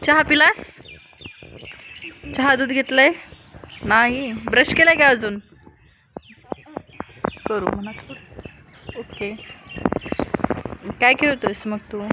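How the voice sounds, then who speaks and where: A woman's voice: a little high, slow pace, long pauses, highs cut off. A young woman vlogging on a rooftop terrace with a phone, chatting to the camera and coaxing her small child with questions. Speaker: vlogger and mother. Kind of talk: casual home vlog, talking to camera and child. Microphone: handheld phone camera. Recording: noisy outdoor phone audio.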